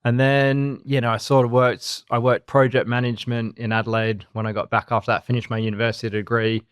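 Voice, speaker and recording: A man in his thirties with an Australian accent, co-hosting a podcast and telling his story in a relaxed, rambling way. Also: medium pitch, fairly quick, smooth, dry recording, clean studio sound. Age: 30s. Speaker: co-host. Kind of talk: casual podcast chat.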